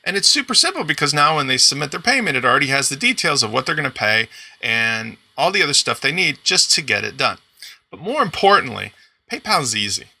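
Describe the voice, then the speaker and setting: Upbeat man in his forties, gravelly. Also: a little high, very animated, fairly quick, pushed and bright. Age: 40s. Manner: upbeat, enthusiastic walkthrough. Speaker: software demo presenter. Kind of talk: screen-recorded software tutorial.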